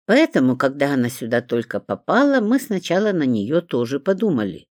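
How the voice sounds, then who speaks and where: An audiobook reader voicing a weary middle-aged duty nurse who talks in a matter-of-fact, confiding way, in a lively, dry-sounding read. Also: mid-range voice, a little fast, no room sound, close to an everyday voice. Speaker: hospital nurse. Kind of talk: audiobook character reading.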